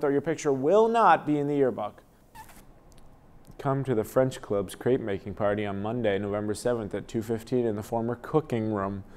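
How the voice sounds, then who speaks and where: A young man reading scripted school announcements as the announcer. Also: medium pitch.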